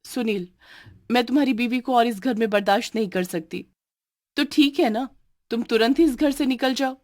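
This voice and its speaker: Haughty young wife a woman puts on, high demanding voice, cartoon villain. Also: normal speed, a little mellow, no room sound, lightly acted. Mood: angry. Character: young arrogant new wife, spoiled and cruel. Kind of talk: cartoon voice acting.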